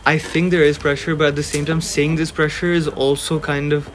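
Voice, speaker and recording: A man's voice: a little high, flat delivery, brisk, slight background noise. A young man from Pakistan, interviewed in casual conversation, talking hesitantly with many fillers and restarts. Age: young adult.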